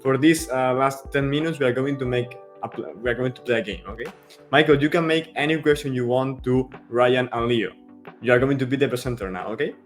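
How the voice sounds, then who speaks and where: A man's voice: mid-range voice, fairly quick, soft background music. Hesitant man hosting a podcast. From Europe. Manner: hesitant, full of "uh" and "um", laughs often. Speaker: podcast host. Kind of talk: casual podcast conversation.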